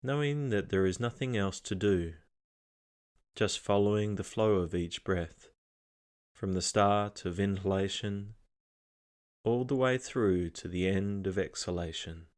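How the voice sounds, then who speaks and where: A male meditation guide with a deep voice delivers gentle, measured scripted narration. He sounds calm and measured as he gently instructs.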